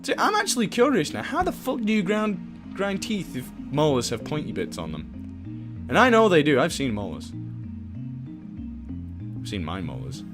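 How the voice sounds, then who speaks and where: A let's player with a slightly high voice and huge pitch swings talks at a moderate pace over game music. He offers casual commentary on his gameplay, reads the game text aloud, and tosses in sweary, jokey asides.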